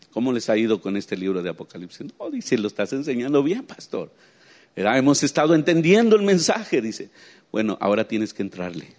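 A man preaching a sermon, swinging between quiet low asides and high excited emphasis and often asking his listeners questions. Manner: asks the congregation rhetorical questions.

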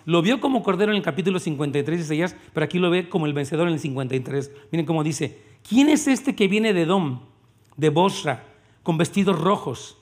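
A Mexican preacher with a high voice delivers a sermon. He talks with the congregation in a casual, animated way rather than reciting. He mixes in plain everyday speech. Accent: Mexican Spanish. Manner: lively, conversational, addresses the congregation.

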